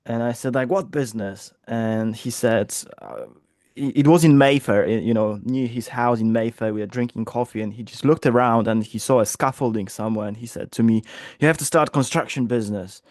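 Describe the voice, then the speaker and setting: A man's voice: medium pitch, fairly quick, a little mellow, no room sound, studio quality. A man in his thirties from Poland with a Polish accent, an interview guest speaking in an upbeat, chatty way with many fillers. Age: 30s. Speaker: guest, business coach. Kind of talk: casual interview talk. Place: home office in London.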